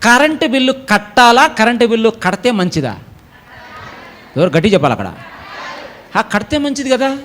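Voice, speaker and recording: A man's voice: extremely high pitch, big pitch swings, moderate pace, pauses often, a bit bright, slight background noise. A man preaching a sermon to his congregation, exhorting them and repeatedly calling for them to answer aloud. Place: church.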